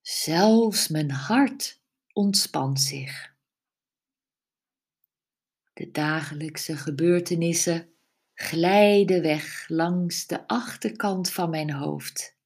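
A woman leading a guided relaxation meditation, giving soft, soothing instructions with long pauses. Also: sits low, husky.

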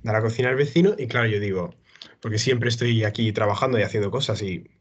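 A man's voice: lowish voice, fast talker, slightly rough, highs cut off. A young man telling a funny story in casual chat, hesitant and full of fillers.

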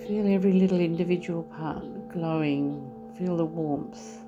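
A woman leading a guided meditation, speaking softly and soothingly as she talks the listener through relaxing the body. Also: fairly low pitch, highs cut off. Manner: slow, soft and soothing. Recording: soft music underneath.

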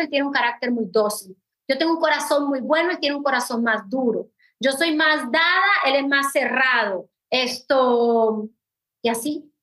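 Middle-aged woman mentor, high-pitched, emphatic and direct with her listeners. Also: fairly bright tone, low-quality recording. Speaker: mentor in a network-marketing business. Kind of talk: mentoring talk, personal advice.

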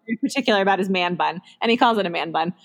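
A woman's voice: medium pitch, racing. A chatty woman in her thirties, talking casually on a podcast. She laughs a lot and fills her talk with likes and ums. Her voice sits in a middle range. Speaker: podcast co-host. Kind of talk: casual chat.

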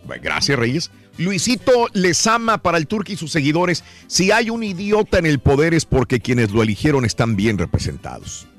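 Lively male radio host with music behind. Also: fairly high pitch. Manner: lively, jokey, rapid shout-outs. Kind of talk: casual chat reading listener messages.

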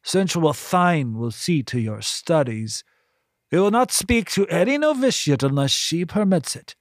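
A narrator voicing a pompous, bitter middle-aged woman high priestess who talks in a haughty, drawn-out sneer. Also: sing-song, dry recording, studio quality. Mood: scornful.

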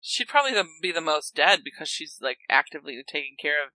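A co-host explains things in a chatty, relaxed tone during a group talk. The voice is bright and sits at a middle pitch. The recording is close and dry. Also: fast talker, dry recording, low-quality recording. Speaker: podcast co-host. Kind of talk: casual chat.

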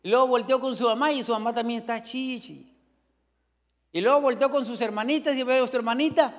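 A man's voice: very high-pitched, steady tone, a little fast, long reverb tail. A middle-aged man preaching a sermon in a folksy, joking way, calling out to the congregation again and again.

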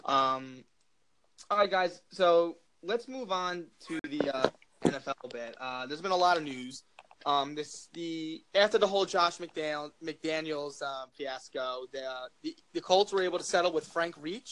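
A young man with a slightly high voice hosts a laid-back sports podcast. He leads the talk and rambles with plenty of ums and uhs. A faint hiss runs under the recording. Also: a little slow, a bit bright, poor audio. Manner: leads questions, rambling with many fillers. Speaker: podcast host. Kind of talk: casual sports chat.

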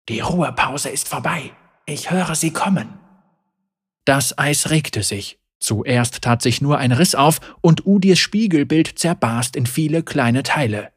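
A man narrating a scripted fantasy story in a measured, grave storytelling manner. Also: mid-range voice, breathy edge, dry recording, studio quality.

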